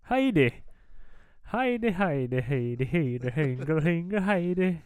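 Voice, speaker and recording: A man's voice: a little high, animated, a little slow, darkish tone. A man putting on an exaggerated comic Irish accent as a rambling stage-Irish character, stumbling goofily over his words. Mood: goofy. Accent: put-on Irish. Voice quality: exaggerated, mumbled put-on brogue. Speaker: co-host.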